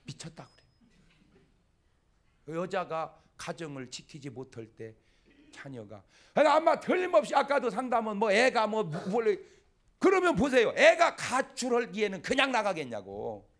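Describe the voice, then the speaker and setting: A middle-aged male pastor giving a sermon in a folksy, animated way, acting out bits of dialogue. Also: high voice, normal speed.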